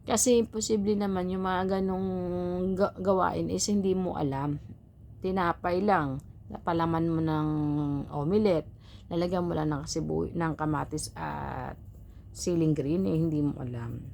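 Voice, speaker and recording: A woman's voice: fairly low pitch, steady tone, a little slow, creaky, darkish tone, slight background noise. A woman who works as a domestic helper, chatting to her viewers as she tells a story and gives advice, often asking "right?". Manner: chatty, advice-giving, rhetorical "right?" tags.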